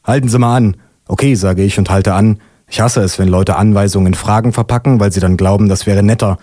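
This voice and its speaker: A man performs a sardonic spoken-word story in a dry, deadpan way. His tone is mellow and unforced. The sound is dry and close, with no room around it. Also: lowish voice, brisk, no room sound. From Leipzig. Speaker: poetry slammer.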